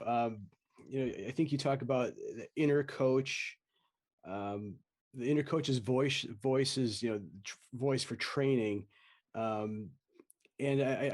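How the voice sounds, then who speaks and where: A man's voice: mid-range voice, darkish tone. A man hosting a podcast interview, asking questions hesitantly and searching for his words. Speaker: podcast host.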